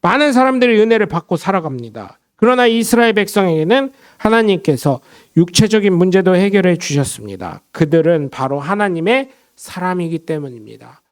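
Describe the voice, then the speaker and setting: A man, a pastor, preaching a lively sermon and often calling out questions to his congregation. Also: high voice, a little fast. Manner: switches between solemn blessing and chatty storytelling.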